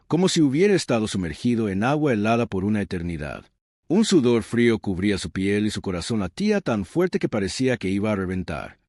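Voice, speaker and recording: A man narrating a scripted horror story in a low voice, dramatic and suspenseful. His pitch rises and falls widely across each phrase. The recording is close and dry, with no room sound. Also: darkish tone, no room sound.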